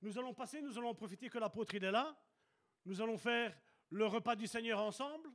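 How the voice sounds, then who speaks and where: A man's voice: extremely high pitch, a little fast, fairly bright tone. A man preaching a sermon at a church service, emphatic and repeating short commands.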